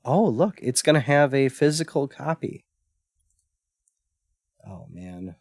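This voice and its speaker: A man's voice: medium pitch, animated, slow pace, gravelly, a little mellow, dry recording, clean studio sound. A man co-hosting a casual retro gaming podcast, easygoing and stumbling over his words. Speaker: podcast co-host. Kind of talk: casual chat.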